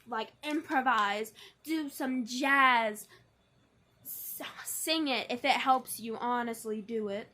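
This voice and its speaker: A high-voiced young woman talks straight to her camera in a loose, joking vlog manner. She tosses in quick asides and throws her voice up and down, from bright bursts to low, half-mumbled lines. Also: a little hiss or hum. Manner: chatty and playful, with quick asides and jokes; expressive, shifting between lively and low, mumbled tones. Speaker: vlogger. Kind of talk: casual chat to camera.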